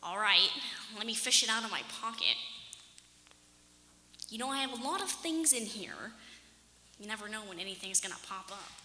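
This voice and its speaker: Woman as a bright-voiced, grumbling pirate sidekick. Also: medium pitch, expressive, moderate pace, long pauses. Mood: grudging, teasing. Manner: skeptical, teasing, reluctant. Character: wary, grumbling pirate sidekick, a former businessman. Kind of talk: tall tale character acting on stage. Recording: echoey, noisy hall.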